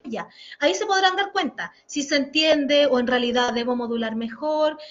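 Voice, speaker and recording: A woman with a Chilean accent leads an online communication workshop, pronouncing each sound with deliberate, exaggerated care. Her voice sits high and she stops to respond to comments from viewers. The lesson is captured through a computer mic in a muffled, lo-fi screen recording. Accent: Chilean Spanish. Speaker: workshop instructor.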